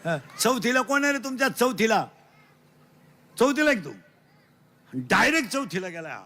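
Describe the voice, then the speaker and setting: A Marathi preacher with a very high, bright, cutting voice. He delivers a comic sermon loudly, teases his listeners and quizzes them in call-and-response, dropping in broken English phrases. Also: big pitch swings, moderate pace. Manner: loud, teasing, quizzes the crowd in call-and-response. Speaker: kirtan preacher.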